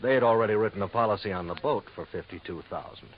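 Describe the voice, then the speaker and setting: A fairly low-pitched man speaks quickly in a muffled recording, his voice close to everyday speech. He is an American actor in a 1950s radio drama on a noisy old recording, cast as a worried, businesslike insurance manager who explains things in a confiding, conversational way with hesitant asides.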